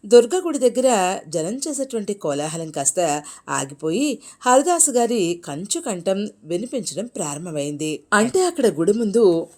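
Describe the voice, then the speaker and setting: A woman narrating a moral folk tale in an expressive, animated storytelling voice. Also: medium pitch.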